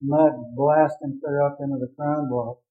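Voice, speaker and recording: A man's voice: on the high side, level tone, normal speed. A man who captained a drilling ship, telling a vivid, rambling story in an oral history interview. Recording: tinny phone-like audio.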